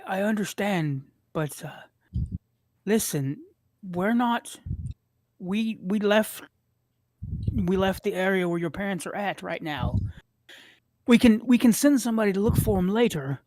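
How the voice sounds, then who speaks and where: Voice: mid-range voice, animated, a little mellow, no room sound, pitched above the performer's own voice, natural voice. A game master doing an anxious, soothing carnival adult. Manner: soothing, pleading, halting. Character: gentle adult carnival folk calling a child, anxious.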